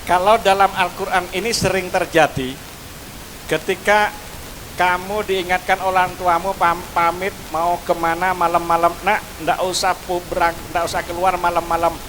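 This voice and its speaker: Outdoors at a school graduation, a high-voiced man from Madura preaches to parents and students at normal speed with a flat delivery, background noise audible. He has a Madurese accent and addresses the crowd with Javanese honorifics.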